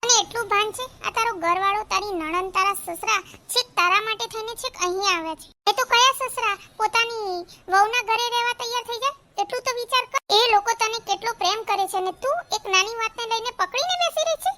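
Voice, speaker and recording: A woman's voice: very high voice, quick pace, pushed and bright, heavily acted. A woman voicing a stern lecturing cartoon mother. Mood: scolding. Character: firm scolding mother, wise and caring.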